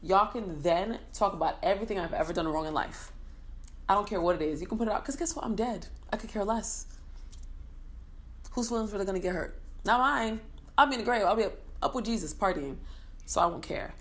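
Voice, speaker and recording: A woman vlogger in her thirties tells a personal story to camera, casual and animated, joking and swearing along the way. Her voice is medium-pitched and fairly quick.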